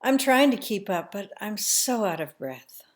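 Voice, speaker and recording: A woman telling a family story in the first person, slow and emotional, sometimes dropping to a hushed near-whisper. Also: medium pitch, very animated.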